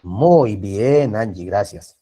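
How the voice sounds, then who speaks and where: A man with a Colombian Spanish accent teaches an online first aid class. His voice is mellow and dark in tone. He talks over a video call and keeps asking whether his students follow. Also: lowish voice, lively intonation, very slow. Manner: repetitive, checks in with frequent tag questions.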